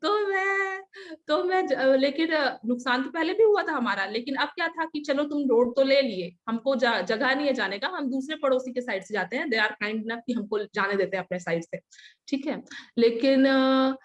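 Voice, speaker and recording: A young adult woman giving a personal testimony as a casual story. She is animated, acts out the dialogue and laughs often. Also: high voice, moderate pace, lo-fi sound. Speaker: testimony speaker.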